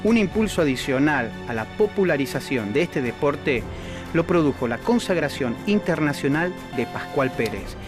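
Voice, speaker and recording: A man reading a scripted educational narration in a steady, informative way. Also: a little high, normal speed. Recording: music bed under the voice.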